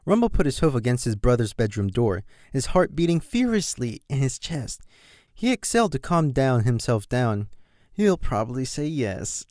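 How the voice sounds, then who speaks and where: A man narrating a fan fiction audiobook in an expressive reading style. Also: mid-range voice, normal speed, no room sound, clean studio sound. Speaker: reader.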